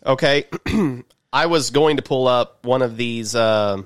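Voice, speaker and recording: A man's voice: mid-range voice, slow pace, clear, resonant tone, no room sound, studio quality. A man co-hosting a podcast in casual, natural unscripted talk, with a wry, self-deprecating manner. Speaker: podcast co-host.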